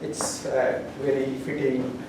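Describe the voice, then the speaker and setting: A man's voice: medium pitch, level tone, takes it slowly, background noise. A man with an Indian accent, a university professor giving class announcements in a rambling way with many fillers and dry humor, heard from a distant camera in a lecture hall.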